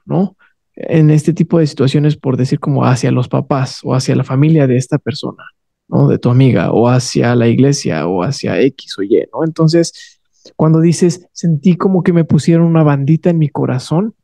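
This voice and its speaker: A man's voice: on the high side, vocal fry, dark tone, no room sound. A man, co-hosting and reflecting thoughtfully, often checking in with "¿no?". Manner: thoughtful, often ends phrases with "¿no?". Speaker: podcast co-host. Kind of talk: reflective casual conversation.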